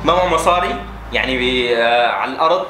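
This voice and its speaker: A man's voice: mid-range voice, lively intonation, fast, bright, forceful tone. A man with a Syrian Arabic accent chatting casually and guessing aloud in a challenge. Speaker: contestant in a dialect challenge. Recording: echoey room, music behind.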